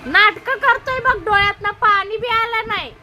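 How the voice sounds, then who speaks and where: A woman's voice: very high voice, normal speed, over music. A woman with a Marathi accent playing an aunt in a family comedy sketch, scolding and arguing sharply.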